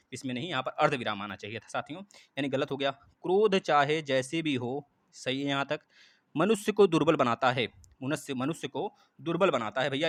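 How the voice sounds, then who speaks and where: A man teaching a live online class, lively, speaking straight to his students and repeating key points. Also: mid-range voice, dry recording, clean studio sound. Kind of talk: live online exam-prep lesson.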